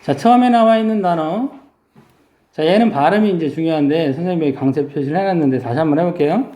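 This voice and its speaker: A male English teacher giving a vocabulary lesson, explaining slowly and drawing out English words to model their pronunciation. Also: fairly high pitch, warm tone, echoey room.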